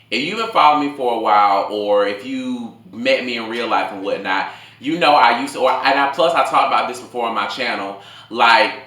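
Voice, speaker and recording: A man in his late twenties telling a casual, rambling story in slangy, animated talk as a food vlogger. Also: medium pitch. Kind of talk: casual storytime told over a meal. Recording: echoey room.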